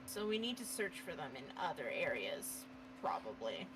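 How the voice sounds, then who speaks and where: A woman's voice: sits low, big pitch swings, normal speed. A woman reading a game character's lines in a casual group session, with teasing asides. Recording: noisy mic audio.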